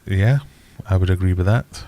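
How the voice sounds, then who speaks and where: Middle-aged British man, low-pitched and stuffed-up nose, blunt and wry livestream host, loose conversational delivery. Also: moderate pace, mellow. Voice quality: bunged-up, congested nasal voice. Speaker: livestream host answering viewer questions. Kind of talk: casual livestream chat.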